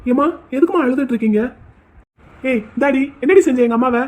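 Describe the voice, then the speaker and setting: A woman's voice: high voice, a little fast, darkish tone, voice pushed down. A woman voicing a quarrelsome young man, a grown son, speaking bluntly. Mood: angry.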